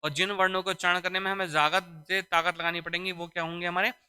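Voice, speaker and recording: Bright, crisp-voiced male Hindi teacher. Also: high-pitched, flat delivery, quick pace. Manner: repetitive, drilling phrases and quizzing students; addresses students as "beta". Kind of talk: exam-prep classroom lesson.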